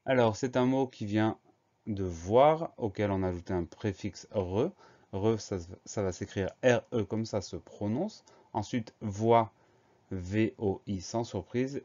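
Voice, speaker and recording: A man's voice: on the low side, dark tone, highs cut off. A man with a French accent, teaching a spelling lesson patiently and spelling each word out letter by letter.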